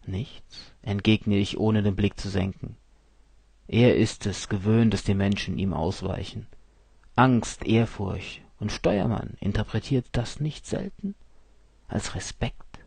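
Man reading a story aloud, low husky gravelly voice, calm and cold. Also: slow, dry recording. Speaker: narrator. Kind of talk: first-person audiobook narration.

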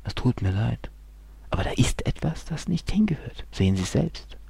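A man voicing a calm, grave doctor. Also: medium pitch, normal speed, creaky, breathy edge, in a whisper, voice pushed up, heavily acted. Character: calm male doctor giving grim news.

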